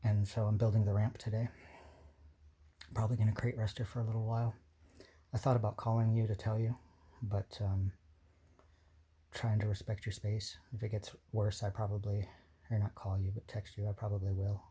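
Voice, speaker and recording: A man leaves a personal video message for his partner, near tears and rambling. He talks haltingly, with nervous little laughs and many restarts. His voice sits low and husky, with a soft, mellow tone. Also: little pitch movement.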